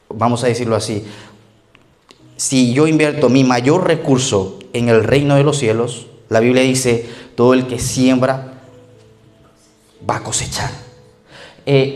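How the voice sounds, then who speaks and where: A man's voice: medium pitch, darkish tone. Thirties guy pastor giving a chatty sermon at church, cracks jokes, keeps saying ok? right?. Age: 30s. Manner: joking, frequent "¿ok?" and "¿verdad?" tag questions. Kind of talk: conversational sermon.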